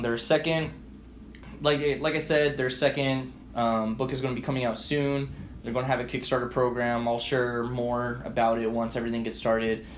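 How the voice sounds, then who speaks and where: A man's voice: medium pitch, slight background noise. A man in his early twenties hosting a podcast, loose and chatty with lots of fillers. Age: 20s. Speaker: podcast host. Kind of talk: casual interview chat.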